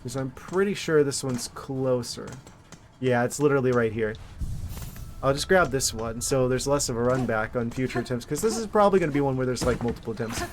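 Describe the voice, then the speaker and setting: A man giving casual, wry gameplay commentary as a streamer, thinking out loud. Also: mid-range voice, brisk, a little hiss or hum. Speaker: game streamer.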